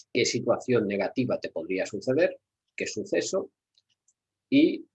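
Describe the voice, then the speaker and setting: With a husky, medium-pitched voice captured in a low-quality recording, a Spanish-accented trainer in middle age runs a workshop for security personnel. He keeps repeating important words and asking questions he doesn't expect answered.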